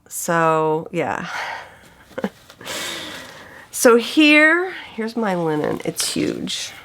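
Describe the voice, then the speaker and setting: A woman's voice: mid-range voice, gravelly. A woman vlogging casually about her cross-stitch projects, gushing with enthusiasm over patterns and colors. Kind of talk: casual show-and-tell chat.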